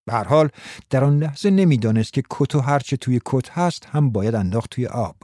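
A man narrating a story in a measured, even way. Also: mid-range voice, dry recording, studio quality. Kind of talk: scripted narration.

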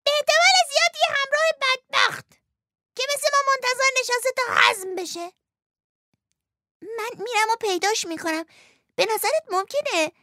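A woman voicing a frightened, stubborn wooden puppet boy in a storybook reading, wailing in a high pleading voice. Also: sharp tone, dry recording, clean studio sound.

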